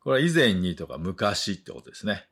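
A man teaching English, reading a story line by line in two languages and then slowly modeling words for learners to repeat after him. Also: low voice, very animated, creaky, a bit bright. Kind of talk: bilingual story reading and pronunciation drill.

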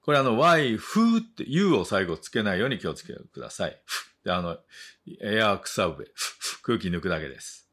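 Male English tutor, lowish and very animated in pitch, unhurried, models each word for listeners to repeat. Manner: slow, deliberate modeling of words for learners to repeat. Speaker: English teacher. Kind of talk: bilingual story reading and pronunciation drill.

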